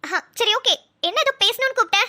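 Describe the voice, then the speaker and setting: A woman voicing a lively young woman who teases her childhood friend in quick banter. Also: very high voice, exaggerated voice. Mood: teasing.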